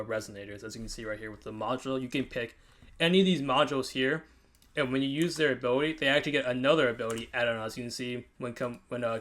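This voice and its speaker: Young male gaming creator, tired, quick delivery, rambling and self-correcting. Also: medium pitch, fairly bright tone. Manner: rambling, self-correcting, frequent fillers and restarts. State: tired from staying up late. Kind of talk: casual commentary on a game livestream.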